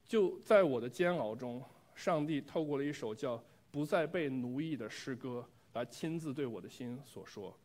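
A man's voice: mid-range voice, lively intonation, normal speed, few pauses, a little mellow. Male preacher, mid-range voice, earnest and reflective, delivering a sermon with personal testimony and direct questions to the congregation.

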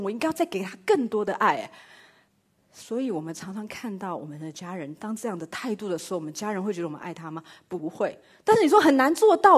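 A woman's voice: mid-range voice, husky. A middle-aged woman preaching a sermon and telling a personal story, with rhetorical questions and self-mocking humor. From Taiwan. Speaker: church speaker.

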